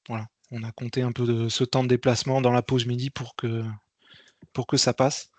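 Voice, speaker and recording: This event organizer's briefing is informal and hesitant, full of halts and repetitions. He speaks at a medium pitch with little variation, his voice slightly mellow, captured without echo.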